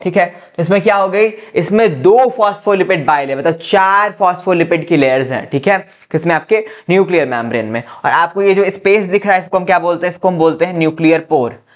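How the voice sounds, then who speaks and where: Speaking fairly quickly with few pauses, a higher-voiced male teacher lectures a class on biology. He addresses students as "बच्चा", often says "ठीक है", and repeats his own questions before answering them.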